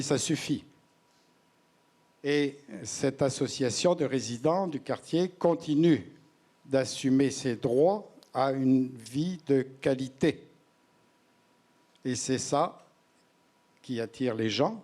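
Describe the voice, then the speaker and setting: A man gives testimony on a panel, speaking deliberately, phrase by phrase with pauses. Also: mid-range voice, dark tone. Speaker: panelist, neighbourhood resident.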